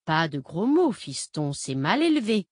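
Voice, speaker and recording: A woman reading an audiobook voices an impostor father who talks to a boy in a calm, condescending, soothing way. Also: fairly low pitch, unhurried, dry recording, studio quality. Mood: patronizing. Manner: soft, patronizing, soothing.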